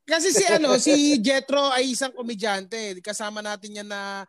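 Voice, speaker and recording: Host guy with a super high voice, jokey and swears a lot. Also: steady tone, moderate pace, a bit bright. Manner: joking, swears freely. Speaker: podcast host. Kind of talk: casual chat.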